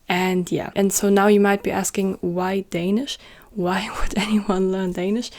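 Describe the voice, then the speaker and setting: Speaking at a measured pace with a flat delivery, this young woman has a medium-pitched, slightly mellow voice. She's a YouTuber from northern Germany whose first language is German, chatting to camera in a vlog full of filler "like"s and self-deprecating jokes.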